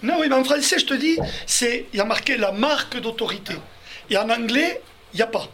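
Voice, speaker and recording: Speaking in an extremely high pitch, this Bible teacher is expressive, bright, and forceful, moving a little fast as he explains verses step by step to his group and addresses them directly.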